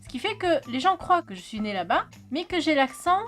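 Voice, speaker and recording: Brief: bright high-pitched woman from France, casual vlog teacher, chatty, jokey, swears a bit. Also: big pitch swings, fairly quick, soft background music. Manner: chatty, swears, jokes with friend. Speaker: video host teaching Khmer.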